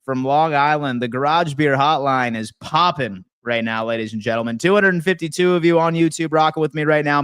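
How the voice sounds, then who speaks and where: A man's voice: medium pitch, fairly bright tone, smooth, no room sound. A man hosting a live call-in show, hyped and slangy, often calling people "man". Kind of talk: casual call-in chat.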